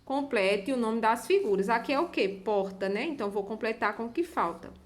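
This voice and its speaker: A woman teacher patiently walking young pupils through a textbook exercise, repeating words and stretching them out slowly so the children can follow. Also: a little high.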